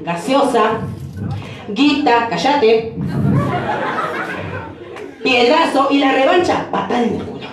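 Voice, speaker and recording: A man's voice: extremely high pitch, takes it slowly, pauses often, background noise. A man with an Argentine accent from Entre Ríos performing a live one-man comedy show, with brash, chatty banter toward the crowd. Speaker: stand-up comedian. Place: municipal cultural center stage, live. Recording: very echoey hall, distant mic.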